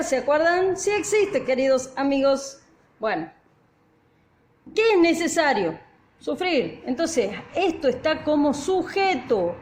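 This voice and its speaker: A woman's voice: sits high, darkish tone. A woman teacher patiently explaining grammar, often checking that her students follow. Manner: patient, asks frequent check questions. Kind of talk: grammar lesson, explaining at a board.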